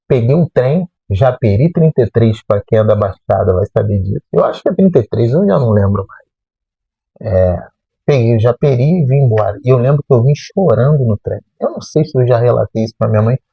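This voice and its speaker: A man, a math teacher telling a personal story in a lively way and acting out remembered dialogue. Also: mid-range voice, fairly quick, creaky, husky, no echo, dull audio. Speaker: math teacher and channel host.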